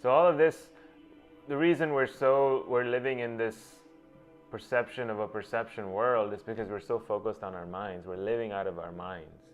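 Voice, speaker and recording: The voice is male, on the low side, with fairly even intonation and normal speed. He hosts a reflective monologue, thinking aloud and repeatedly restarting phrases, and his first language is Gujarati. Audio is dull lo-fi with faint music.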